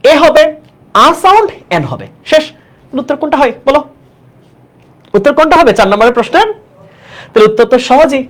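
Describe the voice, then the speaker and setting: Woman teacher, exam-prep grammar lesson, lively rising and falling voice, fairly high pitch, constant check questions to the class. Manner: repeats key words slowly for emphasis. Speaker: English teacher.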